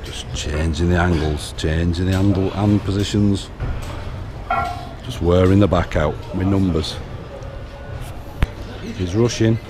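A man's voice: low voice, a little slow, pauses often, very noisy. A man with a northern English accent coaching in a large gym, barking short commands and counting reps. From England. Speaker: gym coach filming a workout. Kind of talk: coaching during a workout. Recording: music playing over the gym.

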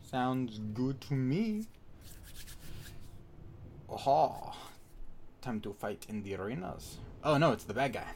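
A man's voice: medium pitch, very animated, normal speed, hardly any pauses, slight background noise. A man giving casual, joking commentary while playing a video game. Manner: joking, chatty, reacts to the game. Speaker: gamer playing through a game.

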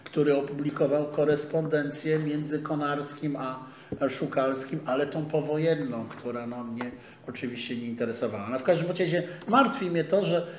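A man in his sixties giving a measured, scholarly lecture in a small room, caught by a distant camera. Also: a little high. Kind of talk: academic lecture. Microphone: far camera. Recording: echoey room, dull sound, faint hiss.

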